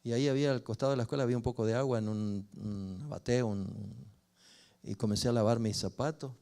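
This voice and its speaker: An older man speaks, a pastor and family counselor sharing his own story from the pulpit. His voice sits in an ordinary middle pitch and swells and drops as the story moves. The telling is warm in pace and expressive throughout. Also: fast. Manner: storytelling, expressive, rises and falls with emotion. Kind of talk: personal testimony sermon.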